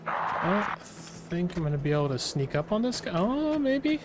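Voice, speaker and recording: A man's voice: a little high, animated, moderate pace, very noisy. Man muttering through live gameplay. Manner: reactive, muttering thoughts aloud while playing. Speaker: game streamer.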